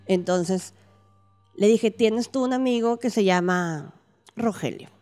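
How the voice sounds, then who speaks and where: A woman's voice: mid-range voice, takes it slowly, soft background music. A woman with a Mexican Spanish accent telling a story in casual chat, acting out the dialogue. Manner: animated, acts out quoted dialogue. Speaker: podcast guest recounting paranormal experience.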